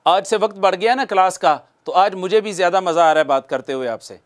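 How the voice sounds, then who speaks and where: A man teaching a recitation class, patiently repeating sounds and asking questions that he answers himself. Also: high-pitched. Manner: patient, repeats sounds slowly for students to copy. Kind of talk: recitation lesson.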